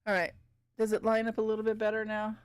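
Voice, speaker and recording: A fairly high-voiced woman chats with her viewers as she paints on a live stream. She thinks aloud about her work in an easygoing, giggly way. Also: completely flat delivery, quick pace, clean tone. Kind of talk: casual chat with viewers while painting.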